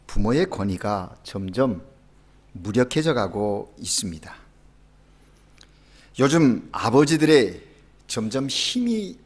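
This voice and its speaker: A male pastor giving a Sunday sermon, telling anecdotes with quoted dialogue, rising for emphasis and then dropping soft. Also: medium pitch. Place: church sanctuary.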